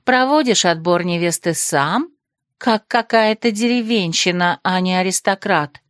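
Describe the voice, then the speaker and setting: A woman's voice: fairly low pitch, unhurried, dry recording, studio quality, lightly acted. A woman voicing a haughty, catty young aristocrat. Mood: drawling. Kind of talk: audiobook character voicing.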